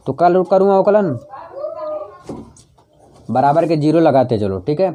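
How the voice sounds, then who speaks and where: Over slight background noise, a man with a fairly high, mellow voice explains maths in a chalk-and-talk tutorial. He gently coaxes the class, repeats every step so it sticks, and answers his own rhetorical questions.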